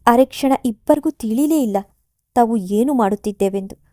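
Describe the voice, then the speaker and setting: A woman telling an emotional story in a steady, expressive storybook reading. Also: fairly high pitch, moderate pace, dry recording, clean studio sound. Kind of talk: storybook narration.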